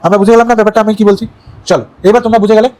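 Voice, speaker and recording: A man's voice: sits high, steady tone, rapid-fire, darkish tone, low-quality recording. A man with a Bangladeshi Bengali accent teaching English syllable rules, repeating key phrases and quizzing the viewer. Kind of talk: online lesson.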